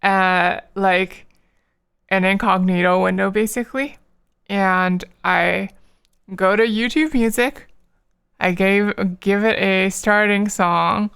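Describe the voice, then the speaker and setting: A woman's voice: medium pitch, steady tone, slow, gravelly, clean tone. A tired woman streamer chatting casually with her viewers while she draws, rambling with lots of fillers. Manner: rambling, many fillers, soft laughs.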